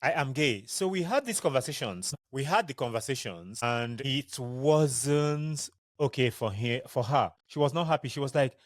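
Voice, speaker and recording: A man's voice: mid-range voice, lively intonation, normal speed, dry recording. A young adult man with a Nigerian accent, hosting a podcast and telling personal stories in a chatty, candid, digressive way. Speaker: podcast host. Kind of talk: casual personal storytelling monologue.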